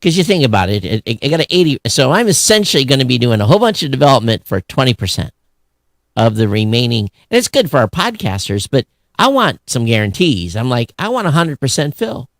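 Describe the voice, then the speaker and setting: This podcast host speaks at a medium pitch, very animated and a little fast, with no echo in the recording. His casual discussion is emphatic, and he often acts out both sides of an imagined dialogue.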